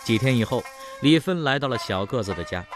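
Lively male storyteller, dramatic swings. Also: mid-range voice, a little fast, over music. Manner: dramatic, swelling rises and falls. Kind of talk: traditional Chinese storytelling narration.

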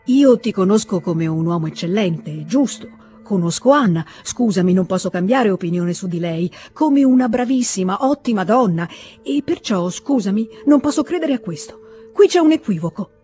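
A woman's voice: mid-range voice, expressive, normal speed, dark tone, soft background music, natural voice. A woman reading aloud, voicing an emotional, imploring middle-aged nobleman who keeps begging his brother-in-law. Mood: pleading. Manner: emotional, imploring, rising to cries.

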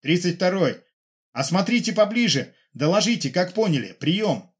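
A man voicing a flagship commander giving crisp orders over the radio in a raised voice. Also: high voice, very animated, normal speed, pitched above the performer's own voice, exaggerated voice. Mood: commanding.

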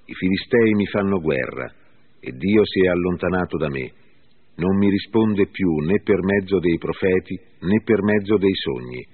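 A man's voice: low-pitched, lively intonation, moderate pace, husky. A man voicing Saul, a troubled ancient king, in an earnest pleading reading. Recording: phone-like lo-fi with faint music.

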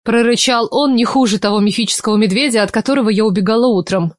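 A woman reads a first-person novel aloud, expressive and emotional. Her voice sits a little high and her delivery is animated. The recording is dry and close, with no room sound. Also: quick pace, no echo. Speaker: audiobook narrator.

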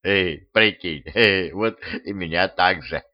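Cheeky teasing skeleton, put on by a man reading, slow smug drawl, dull lo-fi sound. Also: low voice, voice pushed down. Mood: mocking. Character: mocking wisecracking male skeleton.

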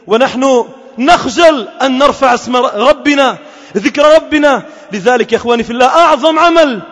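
A man delivers a fervent Friday sermon, pressing his points and climbing to shouted calls. His voice is pitched very high. The sound rolls around a big, reverberant mosque hall. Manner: impassioned, rising to shouted exhortation. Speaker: Friday preacher.

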